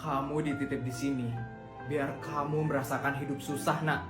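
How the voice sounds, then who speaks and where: A man playing a gentle, poor father who calmly breaks a secret to his child in a comedic skit, talking softly and slowly. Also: medium pitch, close to an everyday voice. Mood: explaining. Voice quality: soft, hushed. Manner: calm, soothing, slow. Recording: echoey room with music behind.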